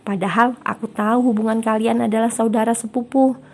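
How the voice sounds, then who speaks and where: A woman voicing a wistful young woman, a quietly jealous fiancée, murmuring softly to herself in a romance audio story. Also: fairly high pitch, fairly even intonation, a little fast. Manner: soft, sorrowful murmuring.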